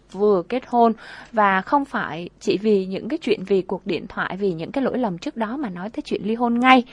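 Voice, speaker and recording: A woman's voice: mid-range voice, no echo. A woman co-hosting a radio advice show, talking earnestly and conversationally about relationships, repeating phrases for emphasis.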